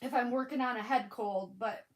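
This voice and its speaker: Talking at a moderate pace in a slightly high voice, a stuffy-nosed woman in her forties with a Michigan accent hosts a crafting live stream. She greets viewers by name and chats casually, with frequent fillers and restarts.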